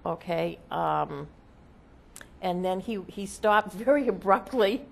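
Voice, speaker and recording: A lowish, creaky female voice with lively intonation explains trance channeling from a seance medium's perspective. The interview is casual, and she speaks haltingly, repeatedly asking "okay?".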